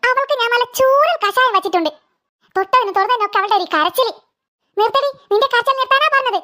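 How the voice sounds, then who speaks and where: A woman's voice: very high voice, quick pace, bright, forceful tone. A woman voicing a fed-up mother who scolds her squabbling daughters in a cartoon. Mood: scolding. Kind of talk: cartoon voice acting.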